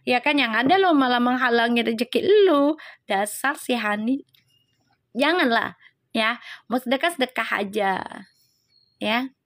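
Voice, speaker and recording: A woman's voice: on the high side, lively intonation, unhurried, pauses often, a bit bright. A woman tarot reader, hosting a live stream in a casual, chatty way, teasing viewers and greeting them by name.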